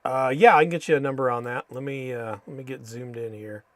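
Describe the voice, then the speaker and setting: Male stream host, American, dry close sound, casual halting map commentary, Spanish words in an American accent. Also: mid-range voice, steady tone, a bit bright, dry recording. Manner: halting, thinking aloud. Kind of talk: casual live stream commentary while reading maps.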